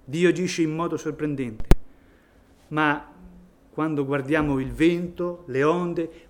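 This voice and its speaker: A man preaching a sermon in a church, reading scripture and rising to emphatic peaks on key phrases. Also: high-pitched.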